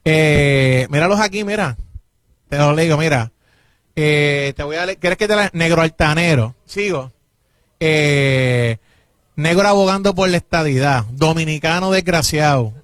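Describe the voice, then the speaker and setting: Speaking unhurriedly in a fairly high, fairly bright voice, a man from Puerto Rico defends his political record in an interview. He's a government official with a Puerto Rican Spanish accent who hammers his points insistently and repeats them. The recording is dry and of studio quality.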